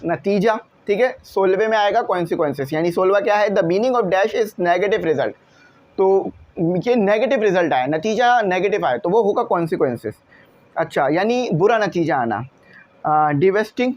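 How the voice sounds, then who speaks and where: A man teaches English, his voice sitting notably high for a man. He talks with patience and drills each new word slowly, again and again, as he walks through the exercises. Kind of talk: classroom lesson walkthrough.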